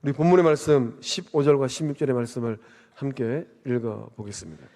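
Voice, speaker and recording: A man's voice: medium pitch, a little fast, dark tone. A man preaching a sermon as a pastor, asking rhetorical questions and swelling up to emphasize his points. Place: church sanctuary. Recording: long reverb of a church hall.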